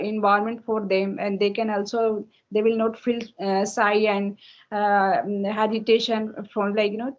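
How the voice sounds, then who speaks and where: A homemaker from India in her thirties, a native Hindi speaker learning English, answers questions with an Indian English accent over an online call. Her slightly high voice halts often, full of fillers and restarts, and the call audio is dull and lo-fi.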